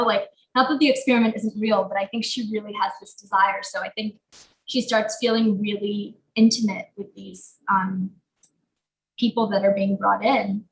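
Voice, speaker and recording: A young adult woman, an actor whose first language is Portuguese, chats casually as an interview guest, filling her speech with lots of "um" and "like." Her medium-pitched voice is a bit bright with vocal fry, and the recording has a roomy echo.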